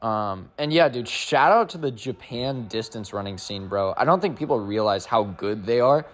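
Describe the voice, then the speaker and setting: A man's voice: fairly low pitch, animated, normal speed. A young man chatting casually as a running vlogger, rambling with lots of filler words and slang. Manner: rambling, full of "like" and "bro".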